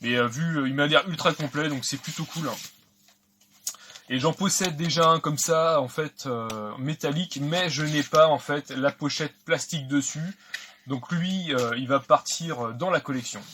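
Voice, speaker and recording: A man's voice: on the high side, a bit bright, slight background noise. A man casually talking through an unboxing of video games, chatty and hesitant with many fillers. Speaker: video game collector vlogger.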